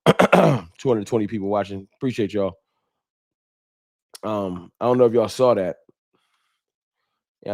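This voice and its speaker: A low-ish male voice, recorded in studio quality with no echo, belongs to an American man running a sports fan livestream. He reads chat and talks to his viewers in a casual, candid, colloquial way.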